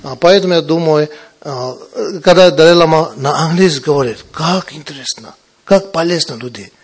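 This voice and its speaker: A man with a foreign accent, not a native Russian speaker, giving a Buddhist teaching in halting, broken Russian and often checking that listeners understand. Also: a little high, slightly rough. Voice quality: broken Russian with wrong grammatical endings. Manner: halting, repetitive, often checking understanding with short tag questions. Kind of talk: spiritual teaching talk to students.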